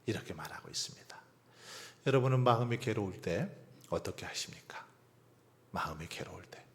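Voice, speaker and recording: A man preaching a sermon as pastor, asking the congregation rhetorical questions and letting phrases trail into near-whispers. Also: fairly low pitch. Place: church sanctuary. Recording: long church hall reverb.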